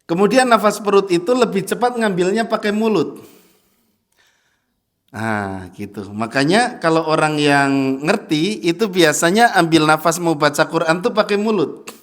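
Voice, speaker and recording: Chatty ustadz, slightly high voice. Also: male voice, expressive, fairly bright tone. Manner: chatty, laughs often, chants verses slowly as examples. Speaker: ustadz teaching Quran recitation. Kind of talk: casual mosque lesson. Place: mosque.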